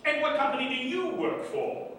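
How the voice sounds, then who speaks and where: A man's voice: extremely high pitch, sing-song, normal speed, sharp tone, slight background noise, heavily acted. A man playing a pompous detective on stage, lecturing and commanding the suspects. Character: pompous male detective running a murder inquiry. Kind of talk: stage play acting. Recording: echoey stage from far off, faint ambience.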